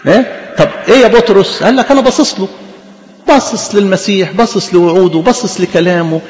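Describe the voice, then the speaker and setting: A man's voice: sits high, fast talker, darkish tone. A man with an Egyptian Arabic accent preaching an impassioned sermon, calling his listeners beloved. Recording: dull lo-fi recording with long reverb.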